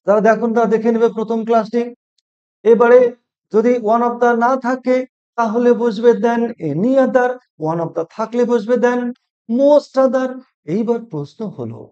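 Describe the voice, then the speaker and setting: A man's voice: high-pitched, mellow, smooth. A man teaching a grammar lesson, explaining step by step and answering his own questions. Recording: dull, muffled lo-fi sound.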